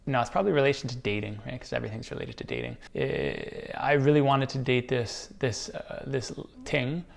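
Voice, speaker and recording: A man with a noticeable creaky fry in his voice plays a casual guessing game. He thinks out loud in a jokey way and tosses out improvised examples at a middling pitch. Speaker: contestant guessing slang.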